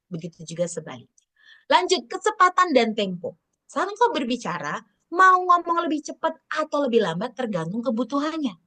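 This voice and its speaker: A woman leading a public speaking training over a video call, varying her pitch and volume on purpose and calling on participants by name in a chatty, teacherly way. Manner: lively, swings pitch and volume on purpose to demonstrate. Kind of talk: online training lecture.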